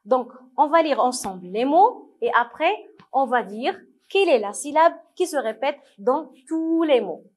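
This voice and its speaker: A woman teacher with a Moroccan accent, slowly sounding out words and syllables for young children to repeat. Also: high voice, expressive. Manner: slow, clearly syllabled, repeating words for children to read along. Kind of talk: French lesson for young children.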